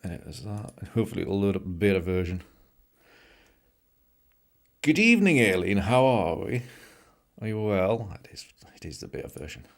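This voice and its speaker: This middle-aged British man, speaking British English, runs a casual live stream from a home studio room, joking and greeting viewers by name while editing photos. His voice sits on the low side with big pitch swings, a normal speed and long pauses, and he sounds a bit tired.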